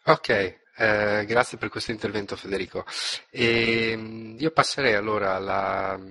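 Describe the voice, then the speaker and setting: Moderatore dalla voce grave e brillante. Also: male voice, fairly low pitch, fairly even intonation, unhurried, bright, forceful tone. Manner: brief, hands over turns to others. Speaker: podcast moderator. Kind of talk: casual podcast hosting.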